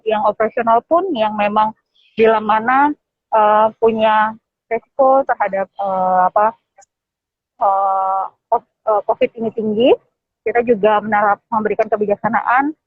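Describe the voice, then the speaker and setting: A woman's voice: medium pitch, steady tone, a little slow, no room sound. Masked woman on a phone-like line. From Lombok, Indonesia. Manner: speaking through a face mask. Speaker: airline general manager, guest. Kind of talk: casual live interview chat. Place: at an airport. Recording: thin phone-like internet call audio.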